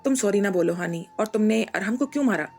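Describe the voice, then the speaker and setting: Soft pleading young husband, gravelly, plain pitch, a woman reads him. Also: animated, fast talker, faint music behind. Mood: tender. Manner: pleading and tender.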